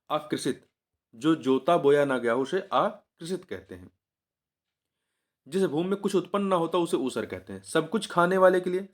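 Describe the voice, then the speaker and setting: Male teacher, slightly high, repeating answers. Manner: repeats each answer, coaxing; corrects himself mid-sentence. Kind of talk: exam revision lesson.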